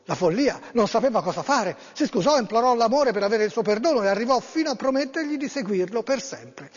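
A man's voice: very high-pitched, lively intonation, a little fast, husky. A man hosting a radio show, chatting in a rambling, hesitant way with many fillers and reading a story aloud. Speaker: radio host. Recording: dull lo-fi sound with long reverb.

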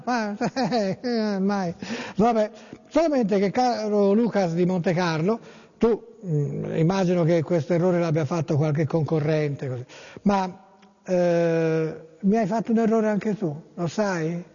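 A man's voice: high-pitched, dark tone. A man from Tuscany, hosting a casual monologue and reading listener messages in a playful, rambling way that repeats words. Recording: lo-fi with long reverb.

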